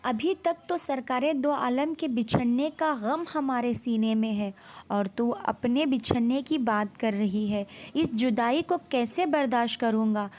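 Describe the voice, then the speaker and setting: A woman's voice: on the high side, darkish tone, close to an everyday voice. A woman voicing a grieving husband in a devotional story, reading his lines in a sorrowful, pleading tone in her own voice. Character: grieving husband, gentle and tearful.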